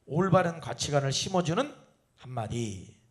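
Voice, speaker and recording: A man preaching to his congregation in a high voice that swings up and down a lot. He keeps asking the listeners questions. He slips into voices for parents and children in everyday family scenes. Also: animated, normal speed. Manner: addresses the congregation with rhetorical questions; acts out family dialogues in changing voices. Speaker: pastor. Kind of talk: sermon at an evening prayer meeting.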